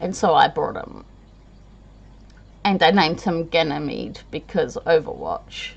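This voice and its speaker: A woman's voice: deep voice, lively intonation, measured pace, gravelly, lo-fi sound. A tired woman chatting to camera in a rambling, self-deprecating way, laughing often. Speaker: vlogger. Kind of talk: casual chat to camera.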